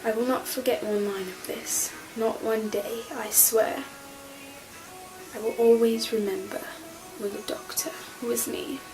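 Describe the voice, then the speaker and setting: Woman doing an excitable male alien Doctor. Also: on the high side, a little slow, over music, low-quality recording. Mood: gentle, wistful. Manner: excitable, exclamatory, checking himself over. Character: manic newly regenerated male alien Doctor.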